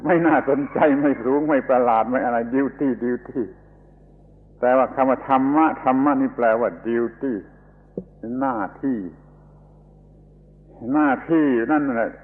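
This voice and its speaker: A man giving a slow, emphatic Buddhist dhamma talk, repeating key words as he teaches. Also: medium pitch, steady tone. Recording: old lo-fi radio recording with long reverb.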